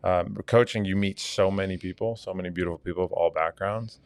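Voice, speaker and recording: A man's voice: low-pitched, fairly even intonation, fairly quick, clean tone, no echo. A man from Argentina, a fitness coach, talking earnestly as a podcast guest with many fillers. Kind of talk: casual interview talk.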